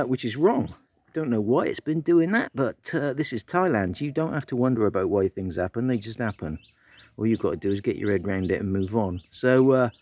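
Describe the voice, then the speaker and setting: A man's voice: mid-range voice, darkish tone, dry recording. A man talking casually through a motorbike repair, muttering asides to himself. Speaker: motorbike vlogger. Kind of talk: casual workshop how-to.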